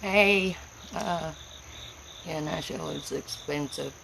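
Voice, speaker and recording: Speaking slowly in a low, gravelly voice heavy with fry, this livestream host from Tennessee, United States, has a folksy Appalachian accent. She chats casually in a plain, rambling, rural manner, and faint background noise can be heard on the recording.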